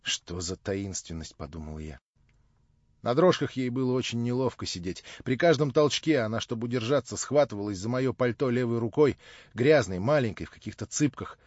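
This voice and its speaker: A man narrating an audiobook of a classic novel in an earnest, measured way. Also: mid-range voice, darkish tone, dry recording. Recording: dull lo-fi dry recording.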